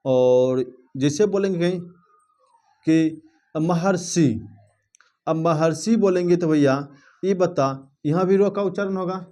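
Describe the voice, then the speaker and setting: Man teaching grammar, raised pitch. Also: moderate pace, mellow. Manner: drills with repeated check-ins, asking the class questions. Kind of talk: grammar lesson.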